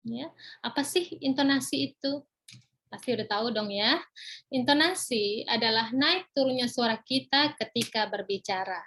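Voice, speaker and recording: A slightly high, somewhat bright-voiced woman leads a webinar lesson on pronunciation. "Ya" and "nah" pepper nearly all her phrases, and her English example phrases come out slower.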